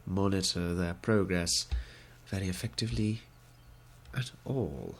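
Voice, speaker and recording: A congested young adult man, clearly suffering a cold, narrates a let's play through his headset in a low, unhurried voice. His tone is wry and mock-posh, with an affected gentlemanly accent, and a little background noise can be heard.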